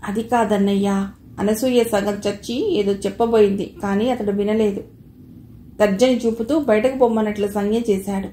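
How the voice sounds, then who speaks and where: Woman narrator, mellow and slightly high, telling an audio novel in an echoey room with faint noise. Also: moderate pace. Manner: steady storytelling. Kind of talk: scripted narration.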